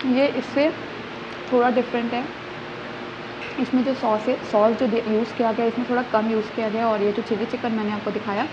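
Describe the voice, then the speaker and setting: A woman's voice: fairly high pitch, steady tone, brisk, muffled recording, background noise. A young woman vlogging a casual food review, chatting about each dish as she tastes it in a small restaurant, filmed on a phone at arm's length. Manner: chatty, describes each dish while tasting. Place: small indoor restaurant and outside its entrance.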